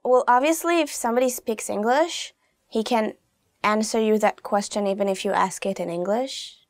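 A woman teaching a language lesson to camera, reading phrases and adding relaxed, chatty asides. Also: mid-range voice, moderate pace, dry recording, clean studio sound. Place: indoor studio, plain backdrop.

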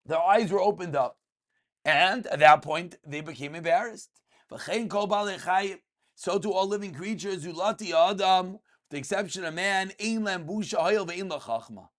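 High-pitched man teaching religious text. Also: normal speed, fairly bright tone. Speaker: rabbi teaching a daily class. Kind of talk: religious text lesson, reading and translating. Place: small furnished room indoors.

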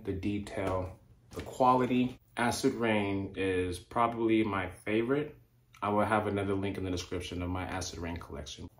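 A man with a low voice hosts a casual vlog about his toy collection. He talks earnestly and eagerly and repeats his key phrases. The room around him rings with echo. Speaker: toy collecting channel host. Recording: echoey room.

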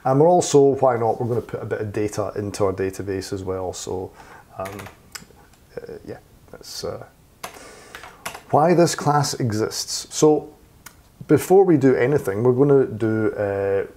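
A slightly hoarse man walks through a coding tutorial in a low voice. His tone is mellow and relaxed, and he thinks aloud with fillers while keys clack in the background over faint noise. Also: a little slow, pauses often. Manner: talks while typing, thinking aloud with fillers and self-corrections. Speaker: programming tutor. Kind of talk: screen-recorded coding tutorial. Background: keyboard typing and clicks.

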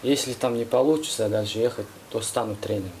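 A young man guest answering interview questions in short, halting phrases. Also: medium pitch, darkish tone, a little hiss or hum. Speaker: fighter guest.

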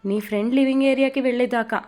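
A woman reads as a teasing young husband who is cheeky and keeps playing around. The voice sits a little high, in the style of a read-aloud romance storybook. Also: steady tone, quick pace, a little mellow, close to an everyday voice.

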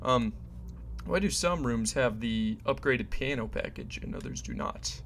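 A man's voice: medium pitch, animated, measured pace, vocal fry, fairly bright tone, slight background noise. Man muttering through a horror game. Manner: chatty, jokey, muttering to himself. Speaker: gamer playing a horror game. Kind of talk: casual let's-play commentary.

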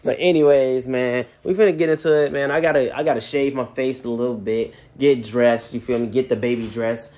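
A man's voice: mid-range voice, fairly even intonation, fairly quick, few pauses, a little mellow. A young man chatting casually to camera in a family vlog, slangy, laid-back and teasing. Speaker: family vlogger.

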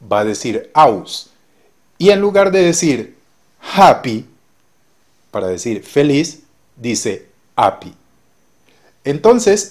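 A man's voice: mid-range voice, a little mellow. Friendly man teaching a language lesson. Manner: friendly, explains slowly with examples. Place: based in Jamaica.

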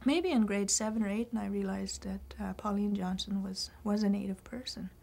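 A woman's voice: mid-range voice, fairly even intonation, creaky, dark tone. Thoughtful middle-aged woman. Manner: thoughtful, with many pauses and restarts. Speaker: writer and teacher interviewed. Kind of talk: reflective interview answers. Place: library room indoors.

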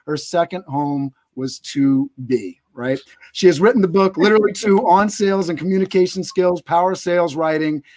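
Higher-voiced man hosting a show. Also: a little mellow. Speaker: host of a business show. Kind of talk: live interview show hosting. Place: indoors, live video call.

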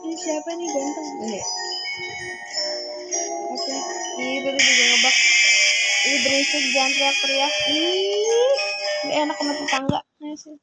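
A woman's voice: high-pitched, fairly even intonation, normal speed, pauses often, over loud music, low-quality recording. A young woman, chatting casually through a game and bossing her younger sibling around. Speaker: gaming streamer. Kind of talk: casual gameplay commentary.

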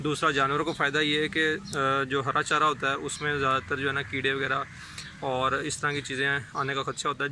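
Man explaining hay-making on a rooftop. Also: mid-range voice. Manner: practical, explains step by step with many "jo hai na" fillers. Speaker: rooftop goat farming vlogger. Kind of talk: casual explanatory vlog. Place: outdoors on a rooftop, beside drying hay. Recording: outdoor recording with clear background noise.

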